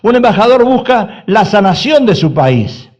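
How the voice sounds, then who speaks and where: Unhurried and sing-song, a high-voiced male pastor with a darkish tone delivers an insistent, emphatic sermon full of repetition and rhetorical questions aimed at his audience. The audio is dull and lo-fi.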